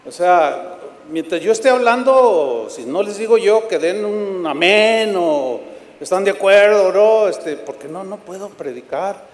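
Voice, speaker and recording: High-voiced animated preacher in an echoey hall. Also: male voice, a little slow. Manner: animated storytelling, acts out shouting congregants. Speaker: pastor. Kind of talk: sermon. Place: church sanctuary.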